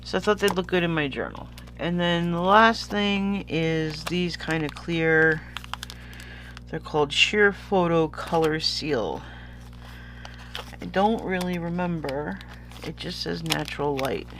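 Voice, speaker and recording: A man's voice: a little high, slow, a bit bright, slight background noise. A sniffly man chatting casually as a vlogger unboxing purchases, rambling and easily losing his thread. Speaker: vlogger showing stationery purchases.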